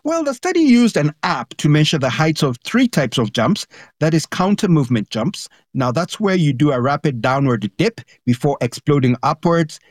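A man with a Kenyan accent, speaking as a radio panellist and explaining a science story in a measured way. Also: a little high, big pitch swings, no room sound, studio quality.

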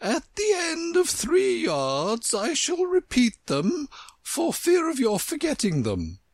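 Imperious Queen played by a man, piercingly high and drawn out, brisk commands with gracious condescension, storybook reading. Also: huge pitch swings, no echo, full character voice. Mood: condescendingly gracious. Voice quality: shrill, swooping. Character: imperious brisk chess Queen, bossy yet politely condescending.

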